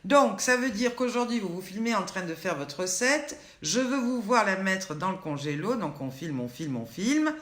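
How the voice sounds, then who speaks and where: A woman's voice: medium pitch, animated, moderate pace, hardly any pauses, a bit bright. An older woman with a Southern French accent hosts a casual live cooking chat, joking and talking straight to her viewers by name. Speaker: online show host. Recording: roomy echo.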